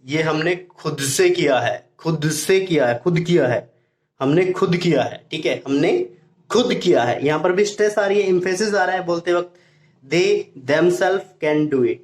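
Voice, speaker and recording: A man with a slightly raised pitch teaches grammar patiently and repeats his points. He reads the English example sentences slowly and clearly. The sound carries a roomy echo. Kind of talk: Hindi-language grammar lesson. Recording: echoey room.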